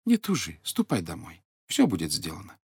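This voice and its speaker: A man voicing a calm, gentle magical golden fish that speaks softly. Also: a little high, a little fast, breathy edge, no room sound, clean studio sound, voice pushed up, full character voice.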